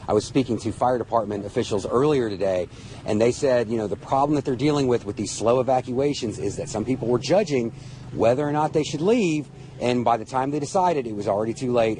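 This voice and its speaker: A man's voice: medium pitch, dark tone. A man giving an unscripted live field report in a rambling, conversational, repetitive way. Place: outdoors by a road. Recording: faint outdoor traffic noise.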